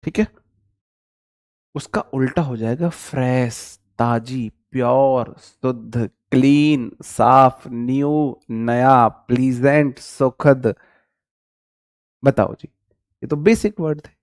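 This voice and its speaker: A man's voice: mid-range voice, slow, darkish tone, no room sound, studio quality. A man teaching vocabulary in a live online lesson, chatty and joking, calling his viewers brother.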